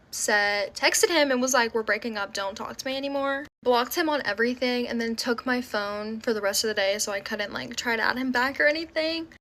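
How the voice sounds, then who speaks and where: Young woman with a high bright voice telling a storytime, says like a lot, acts out who said what. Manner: chatty, filler-heavy with frequent "like"; animated retelling with quoted dialogue. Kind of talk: casual storytime vlog.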